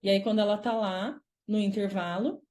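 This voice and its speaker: A woman's voice: medium pitch, fairly even intonation, moderate pace, a little mellow. A woman with a Brazilian accent, a child development specialist giving a live talk and answering audience questions, often checking in with "né?". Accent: Brazilian Portuguese. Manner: explanatory, with frequent "né?" tag questions.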